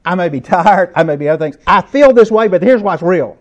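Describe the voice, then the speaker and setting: A man's voice: high-pitched, expressive, fairly quick. A middle-aged man preaching a sermon lesson, conversational and asking his listeners questions. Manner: conversational, asks the audience questions.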